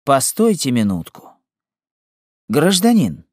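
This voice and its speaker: Man reading a commanding court president, slow, stern. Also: mid-range voice, wildly swooping pitch, darkish tone, dry recording, studio quality, full character voice. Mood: measured. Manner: authoritative, commanding. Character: stern male tribunal president.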